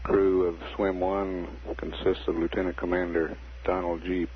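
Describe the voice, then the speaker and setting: A man giving measured, formal and deadpan live spaceflight commentary over a muffled, noisy 1960s radio feed. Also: deep voice. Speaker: mission control public affairs commentator.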